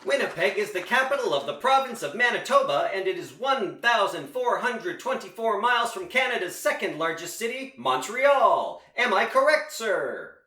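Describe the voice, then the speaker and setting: In a roomy, echoing recording, a man plays a theatrical music hall memory act in an audio drama. His voice is very high for a man and bright, courteous and declamatory. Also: sing-song, moderate pace, hardly any pauses, exaggerated voice. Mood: proud. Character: Mister Memory, showy music hall memory performer. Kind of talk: stage performance in an audio play.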